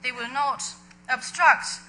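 A woman giving a translation voice-over for an official at a news conference, speaking in measured, formal phrases. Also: sits high, pushed and bright. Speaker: interpreter.

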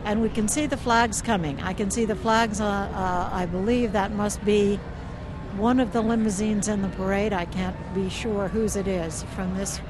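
A woman giving live, unscripted parade commentary as a correspondent, describing what she sees in a halting eyewitness way. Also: medium pitch, fairly even intonation, noisy background. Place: outdoors at a parade vantage point. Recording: outdoor broadcast amid loud crowd and vehicles. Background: loud crowd, motor vehicles, street ambience.

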